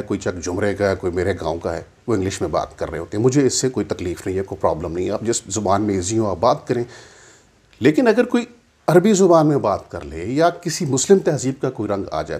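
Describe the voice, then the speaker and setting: Husky-voiced man arguing his point. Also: on the low side, a little mellow. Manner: argumentative, rhetorical questions, emphatic. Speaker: commentator. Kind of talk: opinion monologue.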